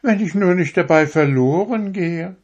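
A man's voice: a little slow, a little mellow. Man doing a vain, haughty darning needle. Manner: high, fussy, self-important.

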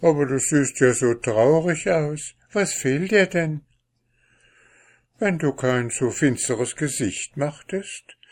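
Storybook princess, young and carefree, bright and lilting, read by a man. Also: expressive, takes it slowly. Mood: playful. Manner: bright, high and playful.

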